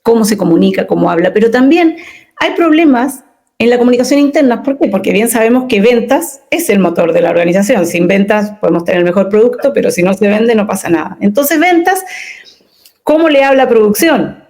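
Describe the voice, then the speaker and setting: Woman, communication consultant, interview guest; expressive and emphatic, slightly high-pitched. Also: fairly quick. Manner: expressive, emphatic, rhetorical questions. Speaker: communication consultant and workshop leader. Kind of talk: interview conversation.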